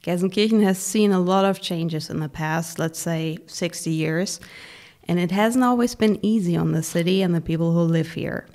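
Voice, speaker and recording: Woman hosting a podcast, kinda low voice w lots of fry, reading scripted info conversationally. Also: normal speed, a little mellow. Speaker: podcast host.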